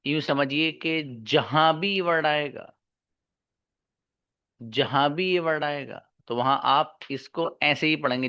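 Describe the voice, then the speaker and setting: Slow man teaching English sounds. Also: fairly high pitch, sharp tone, dull audio. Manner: slow, drawn-out demonstration of sounds, repeating each. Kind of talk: pronunciation lesson in Hindi and English.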